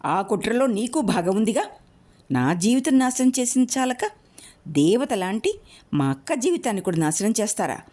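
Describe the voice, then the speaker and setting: A woman's voice: medium pitch, very animated, normal speed, warm tone, voice pushed up. A woman voicing an outspoken young woman who accuses and scolds a man, in a storybook reading. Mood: angry.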